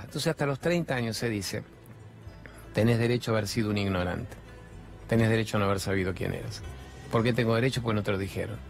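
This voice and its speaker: A middle-aged man with a Rioplatense Spanish accent gives a spiritual self-help talk. He speaks emphatically, asks rhetorical questions and uses colloquial slang. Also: mid-range voice.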